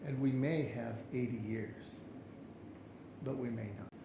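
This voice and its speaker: A man's voice: mid-range voice, steady tone, measured pace, creaky, reverberant, noisy background. A man preaching a sermon as pastor, telling stories and acting out the people in them. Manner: storytelling, acts out the people in his stories. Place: church sanctuary.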